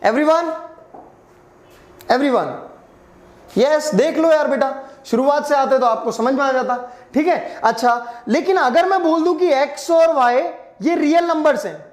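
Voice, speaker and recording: A man teaches math in a live online class, switching between Hindi and English and calling students "beta." He talks slowly with a high voice and stretches out the key terms. His voice carries an echoey room sound. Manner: drawn-out emphatic explanations, repeatedly asking if everyone is clear.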